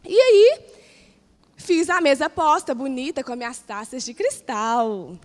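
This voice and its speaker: A young woman preaching at a youth service, telling a lively, laughing story in a dramatic way. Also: sits high, a little slow. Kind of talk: storytelling sermon. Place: church hall, live service. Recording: live sermon with background music.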